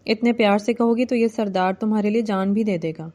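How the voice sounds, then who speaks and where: A woman's voice: medium pitch, steady tone, warm tone, natural voice. A woman voicing a domineering young male village landlord in a novel reading, commanding and teasing.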